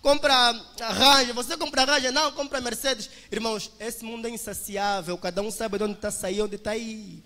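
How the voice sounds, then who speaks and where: With faint music behind and a big-room sound, a young man in his twenties with an Angolan Portuguese accent delivers a preacher-style motivational testimony to his church "brothers." His very high voice is pushed and bright, brisk with few pauses and fairly even intonation.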